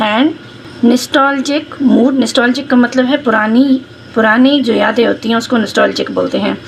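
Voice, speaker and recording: A woman English teacher, dictating answers slowly and explaining them quickly. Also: high-pitched, vocal fry, slight background noise, rough recording. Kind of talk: classroom lesson, reading slowly in English and explaining fast in Hindi.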